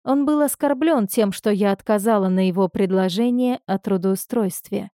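A woman narrating a first-person story in an even, measured storytelling manner. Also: mid-range voice, no room sound, clean studio sound.

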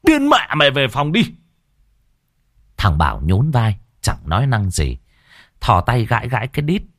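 Low-voiced man narrating a horror story. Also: no echo, studio quality. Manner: dramatic, suspenseful storytelling.

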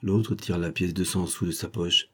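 Low husky male audiobook narrator. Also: fairly even intonation, normal speed. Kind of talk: scripted narration.

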